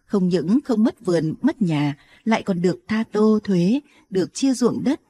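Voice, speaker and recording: A woman's voice: medium pitch, dark tone, breathy edge. A woman reading an audiobook, voicing an earnest young male servant who pleads with and reassures his grandmother.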